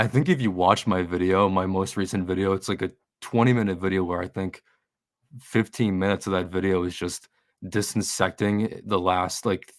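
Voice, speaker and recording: A man's voice: deep voice, no echo, clean studio sound. A man in casual podcast talk, rambling and swearing, often restarting his sentences. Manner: rambling, profane, with many restarts. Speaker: guest streamer.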